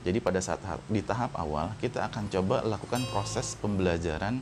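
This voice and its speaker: A man explaining in a measured educational monologue, often pausing on hesitation fillers. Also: low voice, over music.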